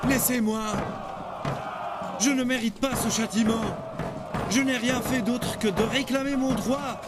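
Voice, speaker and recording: An actor dubbing a condemned man who shouts desperate pleas for his life, in a historical drama. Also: very high-pitched, fairly even intonation, a little slow. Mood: desperate pleading. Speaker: accused prisoner. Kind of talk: French dub of a historical series. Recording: loud music and crowd behind.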